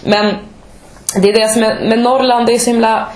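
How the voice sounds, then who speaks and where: A woman from northern Sweden talks in a casual chat, in a northern Swedish accent. Her voice sits fairly high and keeps jumping about as she acts out the people in her stories. The room gives it an echoey ring. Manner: animated, mimics voices in anecdotes.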